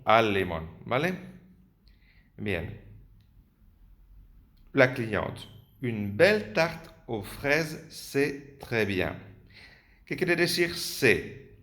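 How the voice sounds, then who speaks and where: Slow, patient male teacher. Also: medium pitch, a bit bright. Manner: slow and patient, repeats words often, says "vale" a lot. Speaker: French teacher. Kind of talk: explaining vocabulary and grammar.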